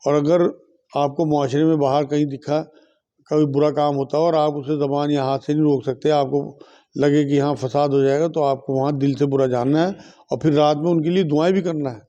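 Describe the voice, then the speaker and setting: Firm, mellow-voiced Islamic scholar answering questions. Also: male voice, on the high side, fairly even intonation, a little fast, lo-fi sound. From India. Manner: repeats each question, then answers firmly. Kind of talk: religious question and answer session.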